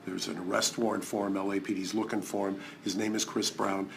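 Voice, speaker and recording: Lawyer guy, low gravelly, calm matter of fact with lotsa uhs. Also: slight background noise. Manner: measured, matter-of-fact with 'uh' pauses. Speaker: defense lawyer. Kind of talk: documentary interview.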